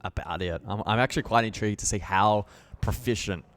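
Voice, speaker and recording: A man's voice: on the low side, brisk, fairly bright tone, slight background noise. A man co-commentating a live esports match in an analytical, conversational way.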